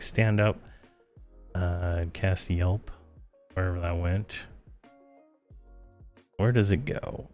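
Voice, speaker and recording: A man giving casual gameplay commentary, thinking aloud with many fillers, tired and yawning. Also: low-pitched. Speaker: game guide creator.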